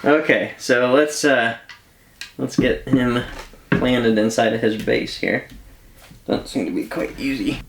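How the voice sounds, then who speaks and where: Slow and full of pauses, with vocal fry in his mid-range voice, a collectibles unboxing host rambles casually and keeps interrupting himself. The recording has room echo and some background noise.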